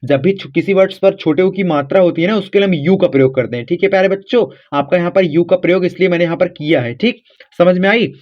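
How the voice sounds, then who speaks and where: A man's voice: sits high, quick pace. A man teaching children a step-by-step spelling lesson, patiently repeating rules and checking in often. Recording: dull lo-fi sound.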